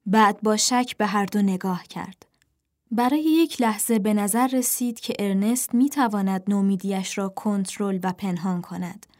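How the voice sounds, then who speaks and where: A woman reading a fable aloud in calm, measured scripted narration. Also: mid-range voice. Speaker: storyteller.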